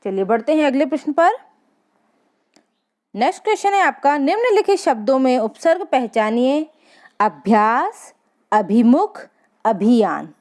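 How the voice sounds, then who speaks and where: A woman teacher leading an exam-prep lesson, reading out each question and its options slowly, then giving and explaining the answers. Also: sits high, big pitch swings, a little mellow.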